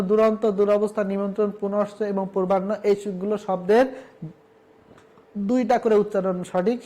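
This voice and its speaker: A high-pitched Bangladeshi man, a college lecturer, gives a recorded lesson, speaking emphatically as he drills word lists and repeats his instructions.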